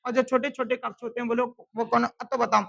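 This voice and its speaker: High, bright woman drilling a class. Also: level tone, gravelly, muffled recording. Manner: drills students with call-and-response questions; repeats answers slowly and loudly for emphasis. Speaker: teacher. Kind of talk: classroom science lesson.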